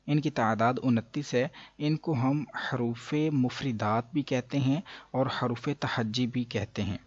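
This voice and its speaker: A man's voice: mid-range voice, fairly even intonation, breathy edge, no room sound, lo-fi sound. A man teaching a beginner Quran reading lesson, patiently explaining and drawing out each letter sound. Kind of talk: step-by-step recitation lesson.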